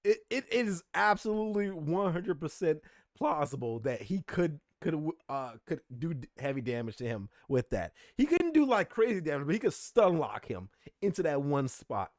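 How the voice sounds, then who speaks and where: A man's voice: on the high side, big pitch swings, moderate pace, no echo, clean studio sound. A man hosting a reaction video, chatting casually and arguing his points with a laugh.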